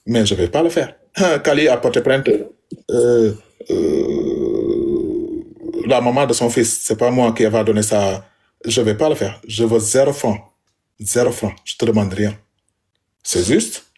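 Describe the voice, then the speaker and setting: A man's voice: medium pitch, animated, a little slow, creaky, darkish tone. A man, speaking to his wife in an emphatic, repetitive, aggrieved way. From Senegal. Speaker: husband addressing his wife. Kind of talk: heated personal address.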